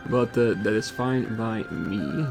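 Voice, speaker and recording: A man's voice: on the low side, vocal fry. A man hosting a let's play with casual, hesitant, rambling commentary as he plays. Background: game music.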